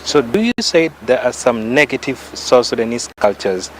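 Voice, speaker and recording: A man's voice: mid-range voice, animated, normal speed, a little hiss or hum, poor audio. A man hosting a radio interview, asking long, winding questions with emphatic stresses. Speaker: radio host.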